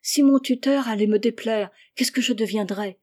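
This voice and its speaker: A woman's voice: on the high side, moderate pace, darkish tone, natural voice. A woman voicing a timid, anxious orphan girl in an audiobook reading, with a complaining manner. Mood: fretful.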